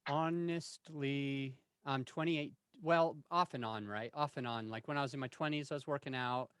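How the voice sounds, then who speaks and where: A man's voice: mid-range voice, fairly even intonation, normal speed, fairly bright tone, clean tone, no echo. A man of forty-one telling candid, self-deprecating stories in a casual interview, rambling and restarting his sentences. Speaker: interview guest.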